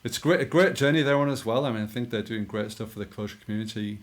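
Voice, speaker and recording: A man co-hosting a podcast in a relaxed way, joking and often trailing off quietly. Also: lowish voice, quick pace. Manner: easygoing, laughs often, trails off softly. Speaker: podcast co-host. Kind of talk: casual podcast chat.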